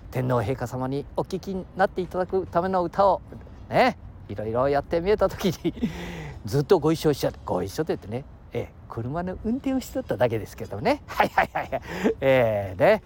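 A man's voice: mid-range voice, very animated, fairly quick, a little hiss or hum. A man in his sixties from Aichi with a Nagoya dialect, chatting on his own show outdoors by the sea, rambling and chuckling as he jumps between topics. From Aichi, Japan. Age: 60s. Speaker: podcast host. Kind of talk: casual solo chat. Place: outdoors by the seashore.

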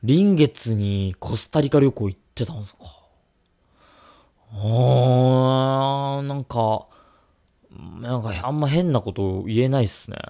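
A man's voice: medium pitch, slow pace, long pauses, mellow. A man co-hosting a radio-style podcast, chatting casually and teasing his co-host with jokes. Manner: teasing, joking banter.

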